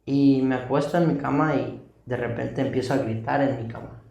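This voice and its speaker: A man's voice: medium pitch, steady tone, moderate pace, vocal fry, mellow. A young man giving an earnest personal testimony, recounting events vividly with repetition. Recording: distant echoey room mic.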